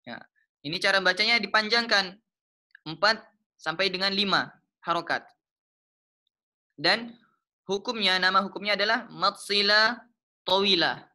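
A man with a Malaysian accent teaching the rules of Quran recitation, explaining slowly and patiently, repeating each term and chanting the example verses. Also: sits high, bright, forceful tone. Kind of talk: explaining tajwid rules step by step.

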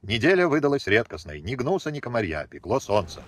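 A man reading a novel aloud as narrator, measured and expressive. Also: mid-range voice, a little hiss or hum.

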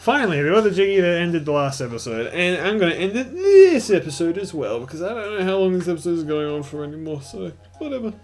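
This let's play host, a young man with an Australian accent, rambles casually over gameplay, swears constantly and is self-mocking. His voice is high with big pitch swings, and he talks fast with few pauses while soft music plays in the background.

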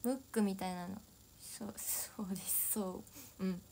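A young woman chats casually on a solo livestream, giggling and answering viewer comments. Her voice sits at an everyday middle pitch. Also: fairly even intonation, normal speed, creaky, warm tone, slight background noise. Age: young adult. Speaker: idol livestreamer.

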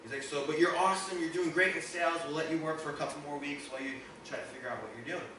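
A guest minister speaks very fast in a slightly high voice with fairly even intonation. Recorded noisily through a distant mic in an echoing church sanctuary, he shares a personal testimony in his sermon that rises from storytelling into emphatic preaching.

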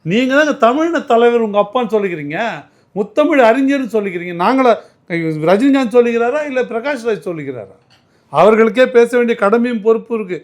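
A man's voice: extremely high pitch, lively intonation, a little fast. A man answering as a political commentator in an interview, arguing emphatically and often restarting his words.

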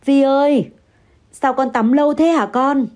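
A woman's voice: sits high, unhurried, pitched above the performer's own voice. A woman voicing a caring older mother who soothes her daughter in an audio story. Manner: gentle, soothing.

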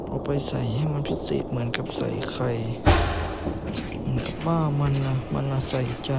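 A man's voice: medium pitch, gravelly, very noisy. A man swearing and muttering to himself while he plays a game, breaking into sudden outbursts. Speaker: gamer. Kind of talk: casual game commentary.

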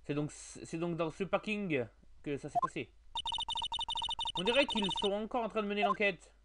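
A man's voice: high-pitched, expressive, normal speed, very noisy. A man voicing a hesitant young male defense lawyer who mumbles his asides. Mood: wary. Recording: game music underneath.

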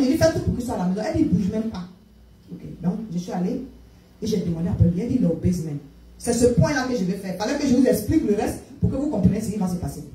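A woman from Africa with an African French accent, preaching a sermon as a prophetess and telling a story in animated fashion, mixing French and English. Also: medium pitch. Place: church sanctuary. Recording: echoey room, distant from the mic.

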